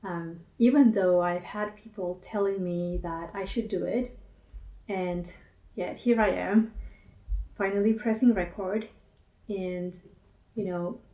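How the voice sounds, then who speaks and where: A woman, a counselor speaking in a gentle, measured, introspective personal monologue. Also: lowish voice, fairly even intonation. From Singapore. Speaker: counselor and academic advisor. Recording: roomy echo, mic at a distance.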